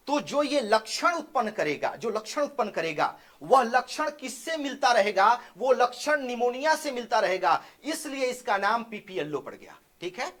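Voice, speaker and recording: A male teacher giving an exam-prep biology lecture. He asks questions and answers them himself, repeats key terms slowly, and keeps checking in with "theek hai". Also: extremely high pitch, a bit bright. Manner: drills by asking and answering his own questions.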